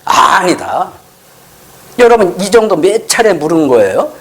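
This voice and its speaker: Man, pastor, church sermon, high voice, rhetorical questions to the congregation. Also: big pitch swings, normal speed. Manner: acts out the scripture dialogue in changing voices.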